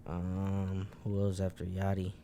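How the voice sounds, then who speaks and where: A man's voice: low voice, completely flat delivery, unhurried, mellow, a little hiss or hum. A young man in his twenties from Michigan, a guest rapper chatting casually and repeating himself as he thinks. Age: 20s. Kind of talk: casual chat.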